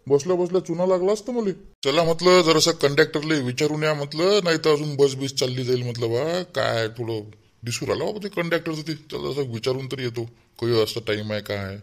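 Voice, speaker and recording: This is cartoon voice acting: a man plays a talkative, finicky villager with a Vidarbha Marathi accent and a slightly high voice. He grumbles and rambles quickly, half to himself, in a lightly acted way.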